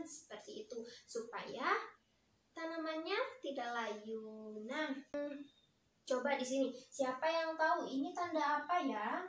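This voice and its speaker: A young woman student teacher leading a lesson for young children, encouraging and slow, clearly praising her pupils. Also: sits high, a little hiss or hum. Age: young adult. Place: primary school classroom. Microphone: far camera. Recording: echoey classroom from far off.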